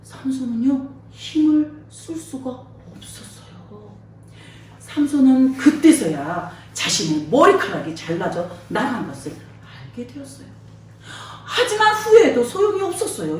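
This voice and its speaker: A woman preacher tells a Bible story to children with a lot of energy and frequent laughter. Her high voice swings widely up and down. She sounds far from the mic, and the church hall echoes heavily around her. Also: moderate pace, slight background noise. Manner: lively, laughing, acts out voices.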